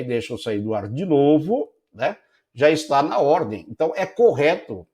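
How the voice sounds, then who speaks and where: A man's voice: fairly high pitch, a little mellow. A middle-aged man teaching a recorded online lecture, explaining step by step and checking in with frequent tag questions. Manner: explanatory, many checking "né?" tags.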